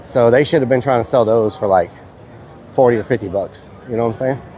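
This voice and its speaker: Walking through a crowded comic convention with a handheld streaming camera, a stuffy-nosed man chats and rambles to his live-stream viewers. His mid-range voice is brisk and somewhat mellow, with a touch of hiss or hum in the audio.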